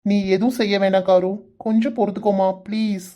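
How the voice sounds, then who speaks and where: A woman's voice: mid-range voice, fairly even intonation, a little fast, dark tone, lightly acted. A woman voicing a teasing, exasperated young man in a cartoon, with a Kanyakumari Tamil accent, coaxing and playfully scolding. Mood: pleading. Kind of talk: cartoon voice acting.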